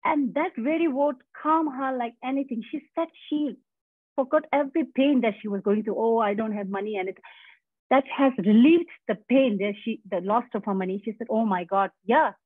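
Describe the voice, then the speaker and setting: A woman whose first language is Tibetan, a guest doctor telling personal stories slowly and haltingly, often searching for words. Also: fairly high pitch, dry recording. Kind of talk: personal storytelling in a talk. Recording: husky, tinny phone-like line.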